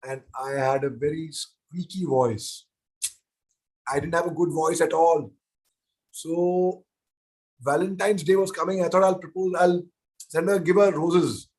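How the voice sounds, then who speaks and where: A man's voice: a little high, steady tone, measured pace, pauses often, a little mellow. A man answers children's questions over a video call. His manner is playful and teasing, and he speaks directly to each child by name.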